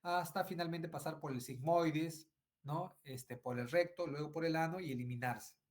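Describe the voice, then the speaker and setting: A man's voice: a little high, moderate pace. A middle-aged man giving an online medical lecture, repeating phrases and asking "right?" often. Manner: frequent tag questions and fillers.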